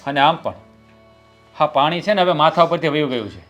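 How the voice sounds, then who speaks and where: Protective husband, firm and coaxing, voice a bit high; male actor. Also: animated, brisk, fairly bright tone, muffled recording, faint music behind. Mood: stern. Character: protective husband, head of the family. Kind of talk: family drama acting.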